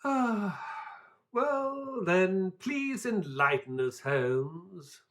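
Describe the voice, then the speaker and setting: An actor playing a mild, earnest Victorian doctor and storyteller in an audio drama, polite and measured. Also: male voice, high-pitched, lively intonation, fairly bright tone, heavily acted. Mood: flustered. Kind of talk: audio drama acting and narration.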